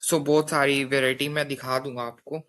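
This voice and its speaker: Bright-voiced man explaining step by step. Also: medium pitch, flat delivery, moderate pace. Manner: explains step by step, often checks with "theek hai". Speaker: coding teacher. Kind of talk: casual spoken tutorial.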